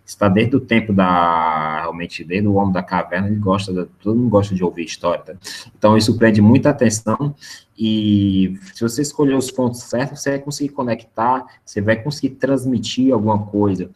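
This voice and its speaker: In a lowish voice and at a fairly quick pace, a Brazilian man leads a casual sales webinar. He talks conversationally, constantly adding a questioning "né?" to what he says.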